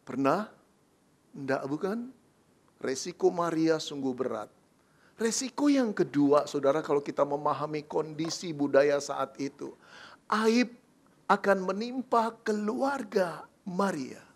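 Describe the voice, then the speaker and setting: A man's voice: on the high side, lively intonation, slow pace, husky. A man preaching a sermon as pastor, telling the story dramatically and asking the congregation questions. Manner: dramatic storytelling, acting out dialogue.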